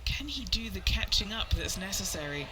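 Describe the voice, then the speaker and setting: High-voiced on-course golf commentator. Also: male voice, big pitch swings, normal speed, noisy background. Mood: attentive. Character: male on-course golf reporter following a rival. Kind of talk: golf commentary in a sports video game.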